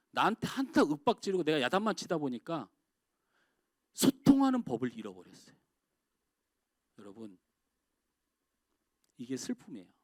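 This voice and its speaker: A middle-aged pastor delivers a sermon in a church sanctuary in a medium-pitched voice, engaging listeners with rhetorical questions. He alternates between raised exclamations and quiet, dropped phrases. The sound is studio quality and echo-free.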